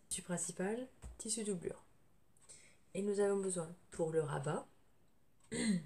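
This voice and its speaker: In a deep, dark voice made thick and odd by tonsillitis, a woman hosts a casual sewing tutorial, hesitating and clearing her throat frequently. She's recorded from a distance on the camera's built-in microphone, without a separate mic, so the room sound is noisy.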